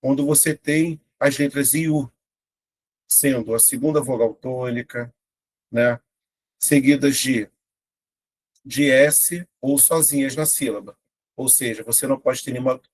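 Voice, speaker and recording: There's a mid-range, unhurried voice here with frequent pauses, belonging to a young adult man whose accent is Brazilian Portuguese. Teaching exam-prep grammar online, he engages students directly and in a lively way, often tagging on "né?".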